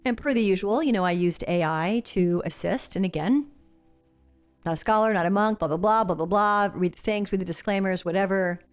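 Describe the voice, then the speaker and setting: A woman's voice: medium pitch, a little fast, soft background music. A woman hosting her own podcast, talking alone in a blunt, angry and profane way, with many fillers. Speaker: podcast host. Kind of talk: casual solo commentary.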